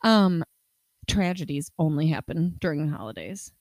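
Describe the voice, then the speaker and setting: Woman, young adult, podcast co-host, sarcastic, profane, casual chat, lowish voice. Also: lively intonation, normal speed, darkish tone, no echo. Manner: profane, sarcastic ranting with laughs.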